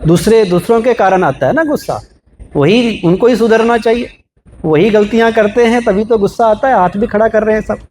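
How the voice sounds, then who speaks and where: A man's voice: high voice, a little fast, darkish tone, a little hiss or hum. A man giving a spiritual, motivational talk to a live audience, asking them rhetorical questions and explaining with everyday examples. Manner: asks the audience rhetorical questions, calls for raised hands. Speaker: spiritual speaker.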